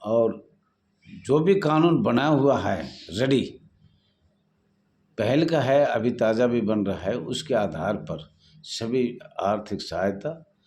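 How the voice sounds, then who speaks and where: A man's voice: mid-range voice, expressive, slow, long pauses, a little mellow. A man leading a home guard association, talking earnestly and repetitively to supporters in a live online talk over his phone.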